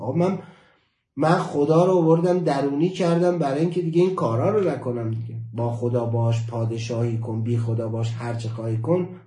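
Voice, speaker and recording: A man giving a motivational class talk, emphatic, repeating key phrases and slowing down to stress his points. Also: a little high, dark tone, roomy sound. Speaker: motivational teacher.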